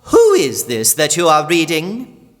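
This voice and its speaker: Woman acting haughty old Aunt March, wildly swooping pitch. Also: wildly swooping pitch, long reverb tail, exaggerated voice. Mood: disapproving. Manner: imperious, prim, drawn-out delivery. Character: stern, haughty, scolding old wealthy great-aunt. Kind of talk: audio play acting of a period story.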